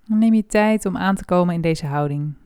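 A woman leading a guided body scan meditation, speaking slowly and softly with long pauses. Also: lowish voice, clean tone, no room sound, studio quality. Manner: slow, soft and calm with long pauses.

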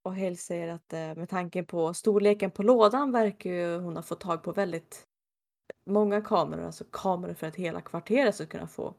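A woman recounts a TV episode in easy, casual conversation. She slips into the characters' lines with animated little voices, then drops back to her ordinary speaking voice. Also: fairly low pitch, creaky. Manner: animated retelling, acting out quotes. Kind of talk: casual chat retelling a TV episode.

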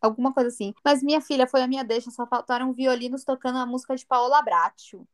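Fast-talking Brazilian woman, high voice. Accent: Brazilian Portuguese. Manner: animated, acts out quoted dialogue. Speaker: storyteller guest. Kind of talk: casual storytelling chat.

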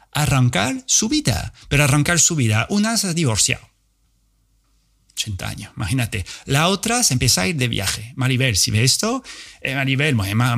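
A man talking casually as an intuition coach, animated and slangy, swearing freely. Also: mid-range voice. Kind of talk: casual motivational monologue.

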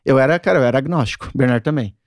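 A man's voice: mid-range voice, very fast, no echo, studio quality. A man with a Brazilian Portuguese accent, a company co-founder talking as a podcast guest, rambling and peppering his speech with filler slang. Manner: rambling, fills with "cara". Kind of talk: casual podcast chat.

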